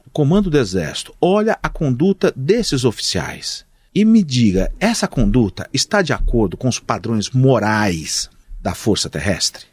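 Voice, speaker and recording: A man from Brazil, a guest reporter on a podcast, laying out a measured argument with rhetorical questions. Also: mid-range voice, breathy edge, dry recording. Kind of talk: podcast interview analysis.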